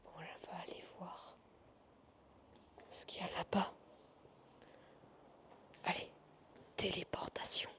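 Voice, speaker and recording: A woman narrating an exploration vlog in a hushed whisper, in short halting fragments as she shows a place around. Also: on the low side, level tone. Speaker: urban exploration vlogger. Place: inside a large abandoned hotel.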